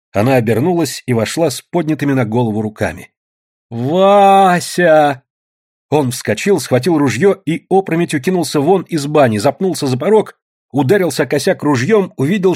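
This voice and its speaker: Male audiobook narrator, husky tone, expressive storytelling, lively intonation. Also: mid-range voice.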